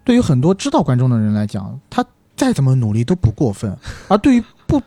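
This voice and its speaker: A man's voice: medium pitch, wildly swooping pitch, fast, mellow, slightly rough, no echo. A man in casual discussion, reasoning aloud and circling back over his phrases. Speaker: film industry commentator.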